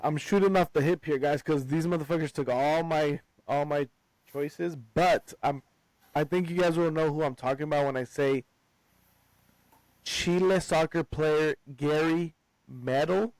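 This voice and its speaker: A man co-hosting a casual sports podcast, slangy and excitable, cursing casually. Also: a little high, unhurried, dry recording, low-quality recording. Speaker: podcast co-host.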